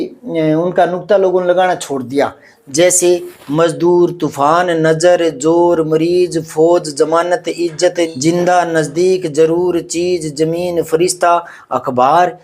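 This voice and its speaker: Brief: male language teacher, patient and explanatory, slightly high voice. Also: a little mellow. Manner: patient, explains with examples and repeated check-in questions. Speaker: Hindi grammar teacher. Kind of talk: classroom lesson.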